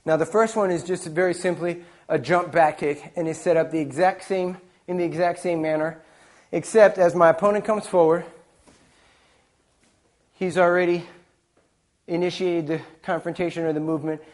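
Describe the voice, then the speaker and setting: Giving instructional demonstration talk, a man teaches a martial arts technique in short, step-by-step phrases as a taekwondo instructor and presenter. His voice is a little high and darkish in tone, steady and at a normal speed.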